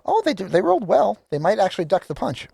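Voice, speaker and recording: A man acting as game master, calmly narrating a tabletop game and patiently explaining rules. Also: sits high, fast talker, vocal fry, husky. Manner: relaxed, explains rulings patiently.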